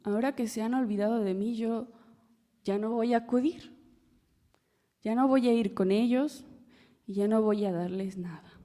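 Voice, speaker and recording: A woman's voice: fairly high pitch, moderate pace, long pauses, dark tone, lightly acted. A woman voicing a proud, offended motherly spirit of rain who speaks in an indignant, aggrieved way. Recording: long hall reverb.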